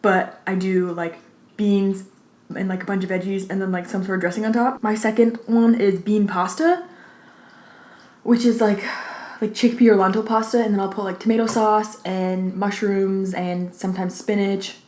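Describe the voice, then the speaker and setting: A woman hosting a mukbang, chatting informally with lots of "like", pausing to take bites and chew, slightly out of breath. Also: mid-range voice, fairly even intonation, a little mellow. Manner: informal, peppered with "like". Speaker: mukbang host. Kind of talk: casual chat while eating. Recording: roomy, echoey indoor sound.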